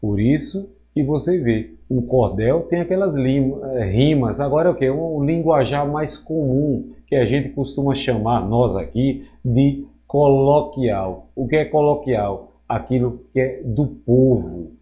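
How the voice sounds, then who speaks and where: A male teacher giving a recorded school lesson, lively and joking, acting out quoted voices. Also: mid-range voice, measured pace, hardly any pauses, lo-fi sound.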